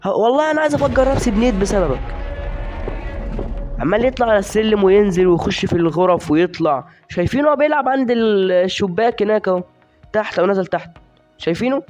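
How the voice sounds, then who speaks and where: Young egyptian man, high voice, rapid gameplay commentary, jokey banter, faint game music behind. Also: lively intonation, darkish tone. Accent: Egyptian Arabic. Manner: joking, exasperated banter at opponents. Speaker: gaming YouTuber.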